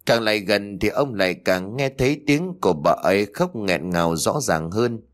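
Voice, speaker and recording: Low-voiced man narrating a ghost story. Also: expressive, normal speed, soft background music. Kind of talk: scripted horror narration.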